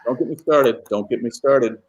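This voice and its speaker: A man's voice: mid-range voice, moderate pace, husky. A man in his late fifties, a guest in a casual chat, talking in an easygoing, wry way. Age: 50s.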